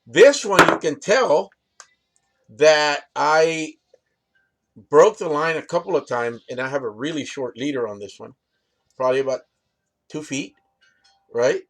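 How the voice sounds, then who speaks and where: His voice sits on the high side, fairly bright and animated, and he takes his time, pausing often. This American fishing host casually displays his rigs, rambling through fillers and restarts while asking "right?" again and again.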